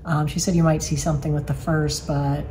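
A middle-aged woman talks to her viewers from home in a low, relaxed voice. She chats casually and confidingly, wandering into asides and fillers as she goes. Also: brisk, a little hiss or hum. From northeastern United States. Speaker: vlogger. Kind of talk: casual vlog chat.

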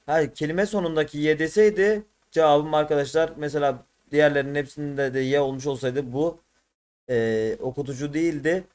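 A man's voice: fairly high pitch, steady tone, fairly quick, a little mellow. Tired, self-correcting man teaching a lesson. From Turkey. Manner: thinks aloud, corrects himself mid-solution. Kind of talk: exam prep lesson.

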